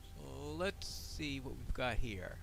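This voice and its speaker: A man's voice: medium pitch, slow pace, creaky. A man giving casual solo game commentary, musing aloud to himself with wry asides. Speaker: gameplay host and player.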